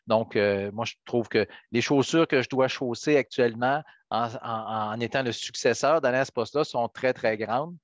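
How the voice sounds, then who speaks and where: A middle-aged man from Quebec with a Quebec French accent, answering interview questions as a politician in measured, hesitant phrasing. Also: mid-range voice, dry recording. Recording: dull, lo-fi band-limited sound.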